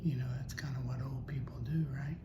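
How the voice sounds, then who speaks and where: A man's voice: medium pitch, brisk. A man giving a casual Bible teaching talk, telling a story and asking rhetorical questions. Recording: echoey room with steady noise.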